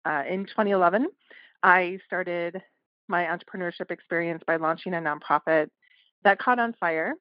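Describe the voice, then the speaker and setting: A woman who runs a publishing house appears as a guest on a casual podcast interview, talking thoughtfully and conversationally with occasional fillers. Her voice is lowish and at normal speed, and the lo-fi recording has no room sound.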